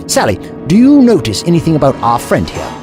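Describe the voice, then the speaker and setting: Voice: mid-range voice, wildly swooping pitch, fairly quick, music in the background. A performer in an audio drama playing the Doctor, an eccentric, kindly time traveller who explains things in a wordy, scholarly way. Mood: brisk, polite.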